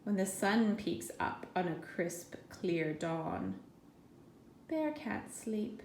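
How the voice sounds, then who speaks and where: A woman reading a picture book aloud to children, slow and expressive. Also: medium pitch, slight background noise. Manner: slow, expressive, sing-song. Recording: echoey room.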